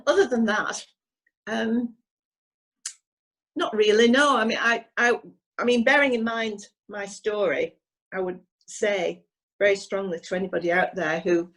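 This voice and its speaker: A woman, an equestrian painter, talks hesitantly with many pauses and restarts in a video call interview, her voice slightly hoarse. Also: mid-range voice, rough recording.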